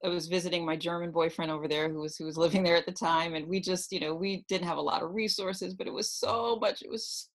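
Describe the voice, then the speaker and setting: A woman in her forties from New York City, chatting casually. She talks in a rambling, reflective way, full of fillers, in a fairly low voice. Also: steady tone, fast, few pauses. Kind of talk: casual chat.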